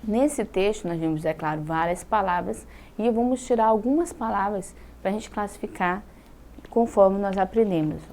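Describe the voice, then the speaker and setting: A Brazilian woman teaching a recorded lesson for children, patient and slow on key words, often checking in with the class. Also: medium pitch, darkish tone, a little hiss or hum. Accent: Brazilian Portuguese. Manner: patient, drawn-out syllables with frequent "tá?" check-ins.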